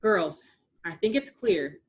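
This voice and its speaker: A woman's voice: fairly low pitch, lively intonation, takes it slowly. A woman voicing a sensible little girl who leads her sisters, directing and reassuring them.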